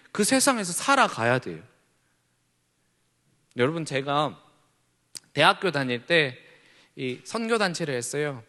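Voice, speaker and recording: A high, bright male voice preaching to a youth group, swinging widely from near-whispered asides up to ringing, fervent calls. He speaks in a church sanctuary where a long reverb trails after every phrase. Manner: animated, swings between hushed asides and loud shouted slogans. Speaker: youth pastor. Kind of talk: sermon to teenagers.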